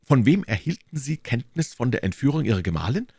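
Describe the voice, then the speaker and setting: A man voicing a bold, quick-tempered young swordsman in an audiobook, brash and exclaiming. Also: medium pitch, very animated, creaky, darkish tone, slightly rough, no room sound, clean studio sound, voice pushed up, exaggerated voice. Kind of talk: audiobook reading.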